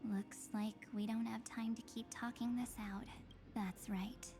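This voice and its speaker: A cryptic young woman in a dramatic video game. Her voice sits slightly high and moves slowly, measured and solemn with dark resolve, over soft music. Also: steady tone.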